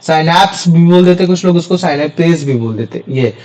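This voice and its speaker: A man's voice: on the high side, lively intonation, fast talker, mellow, poor audio. A young man teaching a science class in a casual way, often repeating key terms as questions to his students.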